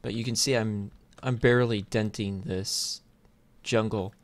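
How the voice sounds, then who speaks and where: This man's lowish voice keeps a steady tone and measured pace as he comments casually on a game, hesitating and reasoning aloud. He's a gaming YouTuber, and his mic is noisy, catching clicks and typing.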